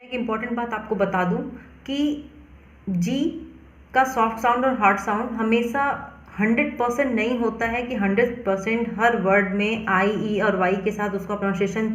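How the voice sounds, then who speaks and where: A woman teacher walks through pronunciation rules at a measured pace, stopping to spell each word out letter by letter. Her voice sits a little high. The room around her gives it a noticeable echo. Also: steady tone. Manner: slow, deliberate, spells words out letter by letter. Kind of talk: explanatory lesson.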